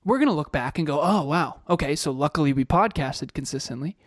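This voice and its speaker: Lively intonation and a fairly quick pace mark this man's fairly high voice as he co-hosts a motivational podcast in his thirties. He speaks with energy, rattling off rhetorical questions and repeating phrases, in studio-quality audio with no echo.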